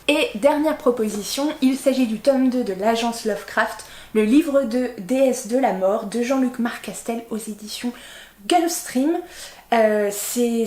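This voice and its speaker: Book vlogger, woman, fairly high voice, rambling and chatty, roomy echo. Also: darkish tone. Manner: chatty, rambling with many fillers and self-corrections. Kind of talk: casual chat presenting a reading list.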